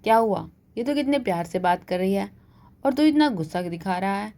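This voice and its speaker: A woman's voice: medium pitch, lively intonation, a little fast, dark tone, lightly acted. A cheerful young college guy chats and jokes with his friends, as a woman narrator puts him on. His talk is loose and easygoing in a read-aloud story. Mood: joking. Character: cheerful young male college student, joking.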